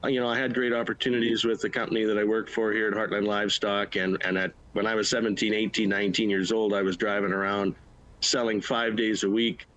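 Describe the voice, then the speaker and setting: Talking fast in short, plain bursts, a middle-aged Canadian livestock auctioneer from Manitoba answers casual interview questions in a Prairie accent. His fairly low voice stays level and a bit bright over a rough recording.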